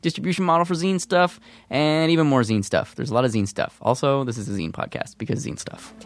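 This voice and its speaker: A man's voice: medium pitch, steady tone, brisk. A man hosting a podcast, chatting casually and playfully, laughing a lot and swearing now and then. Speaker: podcast host. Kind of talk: casual chat.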